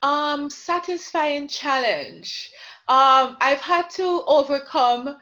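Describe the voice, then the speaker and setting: A woman's voice: high voice, expressive, slow, pushed and bright, lo-fi sound. A woman from Guyana, a counsellor, talking earnestly and reflectively as an interview guest.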